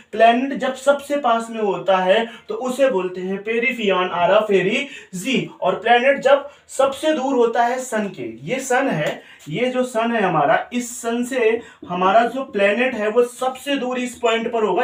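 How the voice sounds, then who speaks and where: A man teaching a physics lesson, repeating each point and quizzing his students. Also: high-pitched. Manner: mixes Hindi with English terms. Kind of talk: classroom lecture. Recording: roomy sound, mic set far off.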